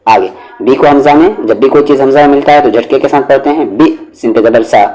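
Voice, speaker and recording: Man slowly spelling out recitation. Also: medium pitch, a little mellow, soft background music, poor audio. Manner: spells out syllables, then recites words slowly and drawn out. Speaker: Quran teacher. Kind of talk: word-by-word recitation lesson.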